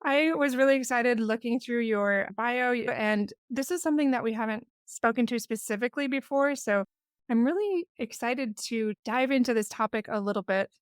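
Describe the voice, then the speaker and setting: A woman's voice: on the high side, moderate pace, clean tone, no room sound, clean studio sound. A woman hosting a podcast interview, upbeat and enthusiastic. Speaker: podcast host.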